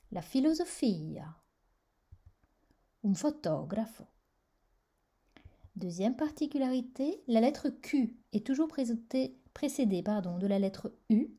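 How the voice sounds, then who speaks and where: Woman doing a slow careful pronunciation lesson, kinda high voice. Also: warm tone. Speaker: language teacher. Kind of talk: scripted language lesson.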